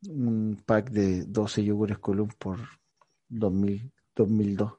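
A man's voice: fairly low pitch, fairly even intonation, slow pace, warm tone, husky, dry recording, muffled recording. A Chilean man trading profane, teasing insults in crude comic banter with a co-host.

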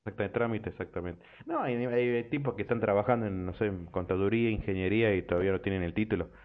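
A man hosting a show, retelling anime episodes in an animated, profane, casual way. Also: fairly low pitch, quick pace. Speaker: radio show host. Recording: tinny phone-like line.

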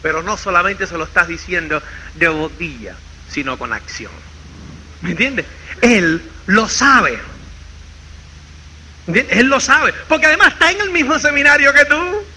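Male seminar speaker with a very high, bright voice, animated and swinging in pitch, live recording with faint noise. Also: unhurried, long pauses, poor audio. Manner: animated, keeps asking "¿me entiendes?"; acts out quoted people in shifting voices. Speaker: motivational speaker. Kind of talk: seminar talk to an audience.

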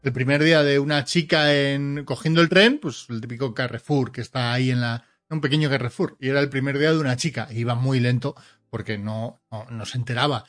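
A man's voice: medium pitch, brisk, fairly bright tone. A man co-hosting a podcast, chatting casually and steering the talk with short prompts. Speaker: podcast co-host. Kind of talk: casual chat.

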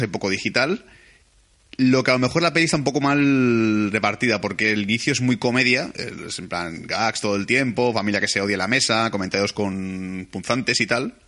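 A man with a Spain Spanish accent chatting casually about a film as a podcast co-host, animated and swearing freely. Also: fairly low pitch. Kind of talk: casual film review chat.

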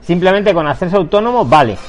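A man hosts a casual live chat. His voice is a bit high, and he greets viewers slowly and deliberately, teasing his co-host now and then. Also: animated, highs cut off, slight background noise. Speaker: channel host.

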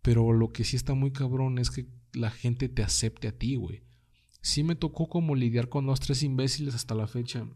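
A young man with a Mexican accent hosts a casual solo podcast in a mid-range, slightly mellow voice with fairly even intonation and moderate pace. His speech is slangy and full of swearing, and he says "güey" constantly.

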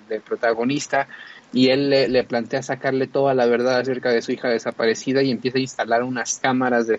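A man's voice: medium pitch, highs cut off. Rambling man reviewing films. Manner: rambling, many fillers and restarts. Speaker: film reviewer. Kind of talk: casual film review chat.

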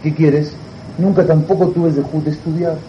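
A man doing a soft-spoken old bearded man. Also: fairly even intonation, moderate pace, a little hiss or hum, lightly acted. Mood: humble. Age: older. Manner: soft, low, subdued. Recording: dull lo-fi recording.

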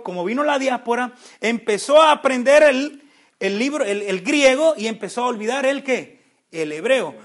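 Man, very high voice, Bible class teacher, rhetorical questions, frequent restarts. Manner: asks questions then answers them; restarts words often, animated.

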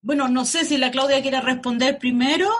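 A Chilean woman journalist recounting her illness in an interview, halting and searching for words. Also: sits high, fairly even intonation, a bit bright. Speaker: journalist guest. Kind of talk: emotional personal interview.

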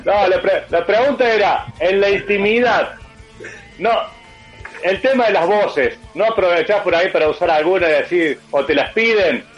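A high-voiced man hosts with playful, stop-start questions. His sound is dull and lo-fi. Soft music runs faintly underneath. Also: normal speed. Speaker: podcast host. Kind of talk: joking casual interview.

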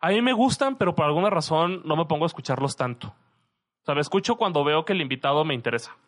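A man's voice: on the high side, animated, fast. A young man with a Mexican Spanish accent, co-hosting a podcast, asking curious questions in casual chat. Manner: curious, asks questions, laughs easily. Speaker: podcast co-host.

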